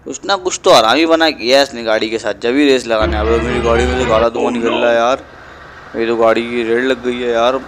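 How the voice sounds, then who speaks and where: A man's voice: medium pitch, fairly even intonation, brisk, slight background noise, lightly acted. A man voicing a brash, foul-mouthed male gangster who swaggers and insults in an amateur game dub. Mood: frantic. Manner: swaggering, insulting, panics into yelling while racing.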